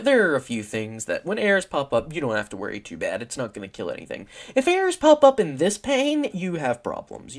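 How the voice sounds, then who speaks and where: A man giving a casual, rambling screen-recorded tutorial, self-deprecating and acting out his own inner questions, his voice tiring toward failing. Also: mid-range voice. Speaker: modding tutorial presenter.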